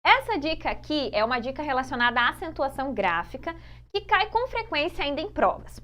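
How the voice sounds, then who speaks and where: High-voiced woman teaching grammar. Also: big pitch swings, bright, forceful tone. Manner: explains patiently, repeats key points, checks in with "tá?"; stretches out example words slowly. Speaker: Portuguese teacher for exam prep. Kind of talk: online exam-prep lesson. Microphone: phone.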